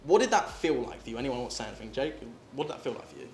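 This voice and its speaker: A man's voice: medium pitch, sing-song, racing, darkish tone. A man presenting live group hypnosis, speaking in an insistent, coaxing way with repetitive suggestions. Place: echoey room before a live group. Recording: echoey room, some background noise.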